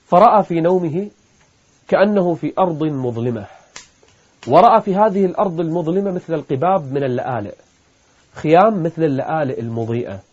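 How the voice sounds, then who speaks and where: A man delivers a fervent sermon in a somewhat high voice, pushing hard on his key words. The recording is dull and lo-fi. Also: darkish tone. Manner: impassioned, rising to emphatic peaks. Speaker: preacher. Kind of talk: emotional sermon with Quranic recitation.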